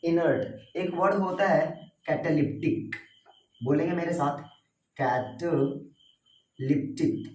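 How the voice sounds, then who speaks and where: A man runs a vocabulary lesson at an unhurried, deliberate pace, with a fairly high voice for a man. He stretches out each word for the class to repeat. The room is echoey, and he sits some way off the mic. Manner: slow, drawn-out pronunciation drills, spelling words letter by letter; addresses viewers as sir and bhai. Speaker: English vocabulary teacher. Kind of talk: Hindi vocabulary lesson with repeat-after-me drills. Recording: roomy echo, voice from a distance.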